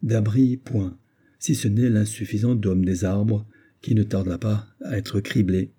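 A man narrating an adventure novel in a steady, measured audiobook reading. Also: fairly low pitch, husky. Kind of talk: scripted narration.

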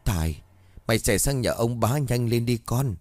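A man's voice: mid-range voice, lively intonation, moderate pace, a little mellow, no room sound, lightly acted. Guy reading old village granny in a horror story, frantic, wailing, dry close sound. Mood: urgent. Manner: wailing, urgent pleading.

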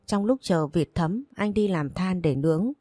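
A woman reading a romance novel aloud as narrator, in an even storytelling voice. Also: on the low side, normal speed, no room sound. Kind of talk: scripted audiobook narration.

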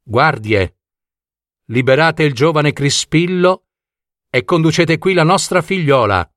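A man reading a storybook voices a kindly queen who speaks gently and reassuringly. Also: fairly high pitch, animated, slow, dry recording, clean studio sound.

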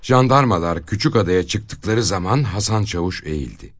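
A man reading a short story aloud in an expressive, dramatic storytelling manner. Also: deep voice, normal speed, dry recording. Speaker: narrator.

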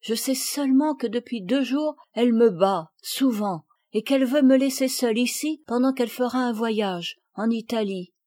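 A woman's voice: fairly high pitch, moderate pace, hardly any pauses, dark tone, no room sound, studio quality, voice pushed up, lightly acted. A woman voicing a lonely, mistreated little girl who speaks with sighs in a storybook reading. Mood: sorrowful. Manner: sighing, plaintive.

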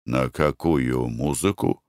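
Man as a porter, slow careful broken speech, slightly low, dry. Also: a little mellow, smooth, dry recording. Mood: patient. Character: polite puzzled German museum porter, broken Russian.

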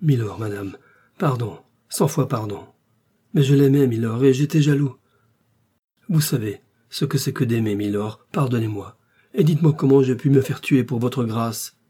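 A man voicing a hot-blooded young swordsman from a classic adventure novel, quick to challenge and just as quick to beg pardon. The voice is mellow and a little husky, lifting a touch above the reader's own tone. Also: medium pitch, natural voice. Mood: pleading. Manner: impetuous, then humbly apologetic. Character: young hot-headed jealous Gascon swordsman.

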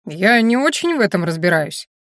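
Brief: woman voicing brash green orc woman fighter, gruff and plain, audiobook, dry mic. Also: mid-range voice, sing-song, moderate pace, fairly bright tone, no room sound. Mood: blunt. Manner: gruff, plain-spoken, snorting. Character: loud blunt green orc woman warrior.

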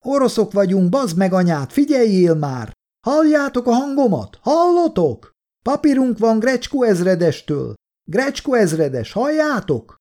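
A man voicing a brash, profane young male soldier who wisecracks and yells in an audiobook. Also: medium pitch, very animated. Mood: shouting. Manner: profane, shouting, cocky.

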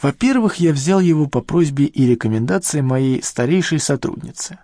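A man's voice: normal speed, a little mellow, no echo, studio quality, lightly acted. A man voicing a grumbling, rueful elderly male professor in an audiobook, with a complaining, defensive manner. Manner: grumbling, complaining, raised pitch over the reader's own. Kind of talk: audiobook character reading.

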